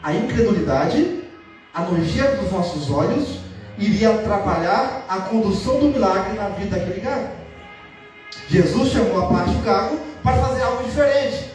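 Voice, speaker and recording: A pastor preaching in a very high, excitable voice, acting out the people in the story as he goes. He sounds distant and booming in a strongly echoing church hall. Faint music plays under him. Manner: animated, acts out the people in the story with a raised excited voice. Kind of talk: sermon. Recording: echoey church hall heard from far off.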